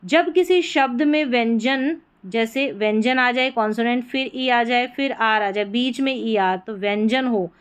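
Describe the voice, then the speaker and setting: A woman teaching English pronunciation rules, slowly drilling word after word. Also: on the high side, smooth. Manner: slow, patient word-by-word drilling. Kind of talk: explanatory lesson.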